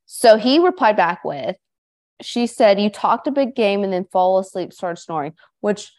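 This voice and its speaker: A woman co-hosting a podcast in a studio, talking in a loose, chatty way. She reads listener stories aloud and breaks in with her own quick asides. Her pitch is in the middle range for a woman. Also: very animated, a little mellow. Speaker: podcast co-host. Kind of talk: casual podcast chat.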